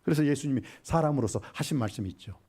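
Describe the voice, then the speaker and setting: A middle-aged man preaching from the pulpit in a husky voice. His pitch climbs and drops widely as he acts out scenes. He swings from loud cries to near whispers and keeps quizzing the congregation. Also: fast. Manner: animated, acts out Bible scenes with sudden loud and hushed lines; asks the congregation questions and has them repeat after him. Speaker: senior pastor. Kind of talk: sermon.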